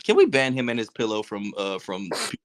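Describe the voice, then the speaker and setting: A man's voice: fairly low pitch, big pitch swings, fairly quick, smooth. A man hosting a casual sports podcast, ranting in an exasperated, heated way with swearing and teasing of his co-hosts. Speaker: podcast host.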